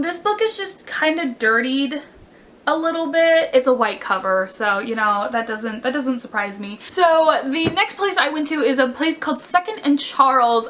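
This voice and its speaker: A woman's voice: high voice, pushed and bright, slight background noise. A young woman chatting casually about her book haul, gushing and rambling with fillers and self-corrections. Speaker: book vlogger.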